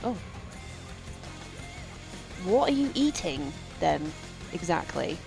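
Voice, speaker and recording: Female streamer, chatty and meandering, slightly low voice, faint music under her. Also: very animated, takes it slowly, gravelly, poor audio. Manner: rambling, chatty, many fillers. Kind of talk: casual let's-play chat.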